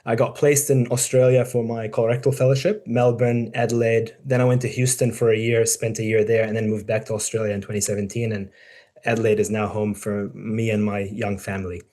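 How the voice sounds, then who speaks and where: Man, forties, lowish voice, easygoing presenter who talks to colleagues and thinks aloud with ums. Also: fairly quick. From born in the UK, raised in Dubai and New Zealand. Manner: relaxed and conversational, frequent ums and restarts. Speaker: surgeon giving a talk. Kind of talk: casual presentation to peers.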